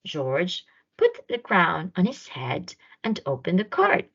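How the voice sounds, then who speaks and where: A woman narrating a children's picture book aloud in an expressive storytime style. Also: on the low side, slow, breathy edge, highs cut off.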